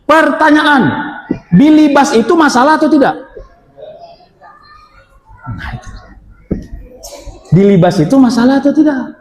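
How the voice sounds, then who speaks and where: A man preaches in a very high, animated voice. He tells stories, mimics the people in them and fires questions at his listeners, sometimes breaking into a shout. His voice rings through a roomy hall with a long, trailing reverb. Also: unhurried, pauses often. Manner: animated, questions the audience, acts out quoted voices, bursts into shouts. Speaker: Islamic preacher. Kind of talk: lively religious lecture with storytelling.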